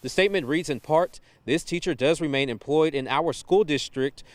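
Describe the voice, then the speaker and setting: A man's voice: on the high side, moderate pace, dry recording. A man narrating a scripted local television news report as a reporter.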